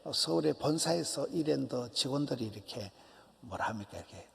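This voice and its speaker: A man in his sixties with a Gyeongsang Korean accent preaches an early-morning sermon as a pastor in a church sanctuary, his medium-pitched, fairly quick voice showing vocal fry. His delivery is animated and emphatic, built on short, punchy repeated phrases that sometimes fall to a whisper. The recording carries the reverb of a church hall.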